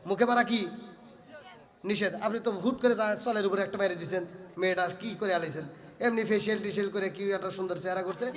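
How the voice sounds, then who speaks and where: A man preaching a sermon to a crowd, shouting and chanting in a sing-song style and often asking the listeners to agree. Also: fast talker, long reverb tail. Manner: loud, sing-song preaching, swinging from shouts to low asides; asks the crowd for agreement again and again. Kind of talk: Bengali waz sermon to a crowd.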